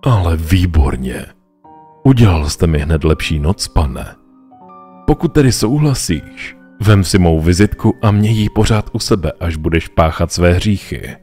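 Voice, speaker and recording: A man playing a smug male stranger in a horror story who bargains for sins, speaking in a slow, oily and almost bored way. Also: sits low, animated, a little mellow, soft background music. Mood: bargaining.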